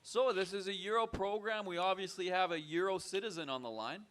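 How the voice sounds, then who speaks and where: A man hosts a loose call-in show, ribbing callers with dry, bemused lines. His slightly high voice is bright and forceful. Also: brisk. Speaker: host. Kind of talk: casual call-in show hosting.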